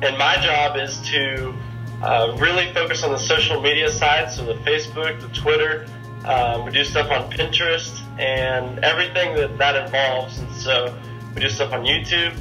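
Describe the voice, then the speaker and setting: A man's voice: on the high side, fairly even intonation, moderate pace, sharp tone, rough recording. A nineteen-year-old man from Texas with an American accent, casually explaining his work as a social media coordinator. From Texas, United States. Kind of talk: casual self-introduction. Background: faint music.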